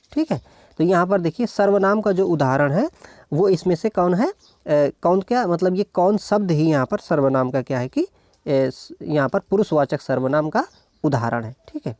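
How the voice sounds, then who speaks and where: Patient tutor going over practice questions, asks itself stuff then answers, warm and dry. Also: mid-range voice, expressive, normal speed, no room sound. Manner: patient, talks through each answer and asks itself questions, keeps checking in with "ok". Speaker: exam-prep tutor. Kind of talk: online lesson walking through practice questions.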